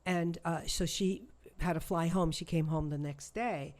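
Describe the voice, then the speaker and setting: A woman with a somewhat low voice speaks as an interview guest. She tells a personal story with feeling, stumbling, restarting and repeating herself as she goes. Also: fairly even intonation, a little mellow. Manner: halting, emotional, many restarts and repetitions. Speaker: shamanic healer guest.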